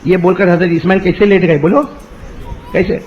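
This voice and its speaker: A man preaching a sermon, telling a story in an animated way and calling out questions for the audience to answer. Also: high-pitched, muffled recording, a little hiss or hum. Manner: chants Arabic verses in a drawn-out melodic recitation. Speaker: Islamic preacher.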